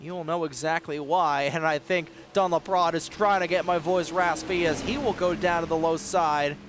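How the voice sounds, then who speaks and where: This is a race commentator for an online league: a man whose voice is a touch raspy, talking fast and eagerly. Close calls send his pitch suddenly higher, and engine noise from the cars fills the background.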